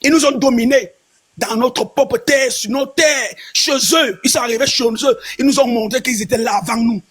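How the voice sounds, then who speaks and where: A man with a Cameroonian accent speaks in an impassioned, declamatory way on a live stream, full of slogans and rallying cries. His voice is unusually high for a man, with a husky, breathy edge. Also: moderate pace, a bit bright. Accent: Cameroonian French.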